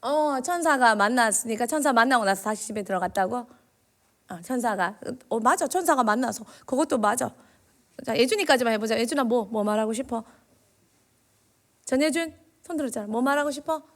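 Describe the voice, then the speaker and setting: Woman doing a kids' sermon, high bouncy voice, keeps asking the kids questions. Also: a little fast. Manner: animated, quizzing children with questions. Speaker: children's minister. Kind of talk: interactive children's sermon. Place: church.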